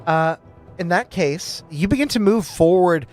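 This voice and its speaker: A man narrating a live-streamed tabletop game as game master, chatty and quick to laugh, with lots of fillers. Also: sits high, expressive, faint music behind.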